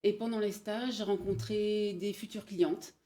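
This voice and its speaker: A Parisian-born woman in her forties, a bridal showroom manager, tells her career story as a guest in a casual interview. Her mid-range voice is mellow and steady, but she speaks hesitantly and unhurriedly, with many pauses and fillers.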